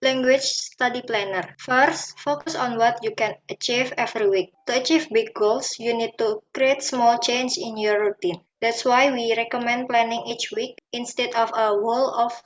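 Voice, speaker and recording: A young woman reads study-planning tips as part of a class presentation, stumbling over a word here and there. Her voice is a little high, and a faint background noise runs underneath. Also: normal speed, hardly any pauses, rough recording. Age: young adult. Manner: steady reading with small slips. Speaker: student presenter.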